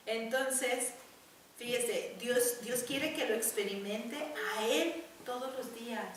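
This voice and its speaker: A woman's voice: a little high, slow, a little hiss or hum. A woman preaching a sermon to her congregation in a church, emphatic and often repeating her words. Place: large church hall. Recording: echoey church hall, mic far off.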